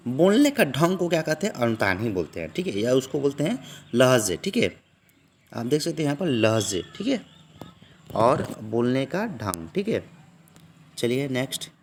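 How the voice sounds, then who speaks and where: A man tutoring online, walking through exam questions and answers, who keeps asking a question and then answering it himself and keeps checking in the listener. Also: mid-range voice. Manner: repeats "theek hai" constantly, asks and answers own questions.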